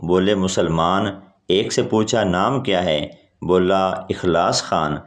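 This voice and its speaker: A man with a very low, deep voice reads out one joke after another. He keeps an even storytelling delivery and speaks all the quoted characters in his own voice. It sounds like a scripted comedy read. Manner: steady storytelling delivery, reads every character's lines himself. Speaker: joke narrator.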